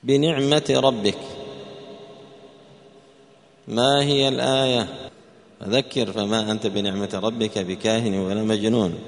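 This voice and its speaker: A man with a lowish voice explains Quranic words to a class, slowly and patiently, saying each phrase again and again. He puts questions to students by name. The sound carries a long reverb, as in a big room. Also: fairly even intonation. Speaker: Quran teacher.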